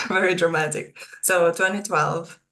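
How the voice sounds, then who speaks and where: With a fairly low but bright and forceful voice, a young adult author who has a Hungarian accent talks casually to her channel's viewers, a little hesitant in her phrasing.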